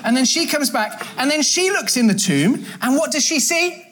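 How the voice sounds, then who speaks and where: A woman leading a children's talk. She tells the story in a lively, playful way and asks the children questions. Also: high voice, normal speed.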